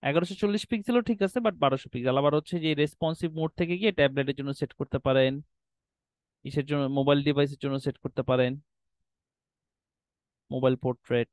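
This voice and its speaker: Talking quickly but pausing often, a male web design instructor uses a medium-pitched, darkish voice to guide students through website settings on screen. He mixes in English terms and regularly asks "ঠিক আছে?". The tutorial is screen-recorded, and the recording is dry.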